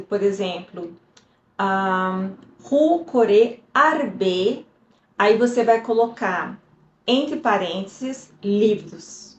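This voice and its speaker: A woman's voice: medium pitch, highs cut off. Chatty woman teacher, echoey room. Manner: chatty, explanatory, frequent "tá?" check-ins. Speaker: Hebrew teacher. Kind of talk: casual teaching video.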